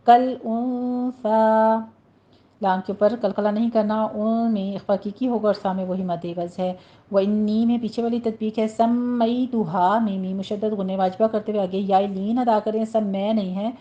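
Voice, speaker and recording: A woman teaching Quran recitation rules, explaining each word, then reciting it slowly and carefully. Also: mid-range voice, mellow, dull audio. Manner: instructive, drawn-out recitation of single words.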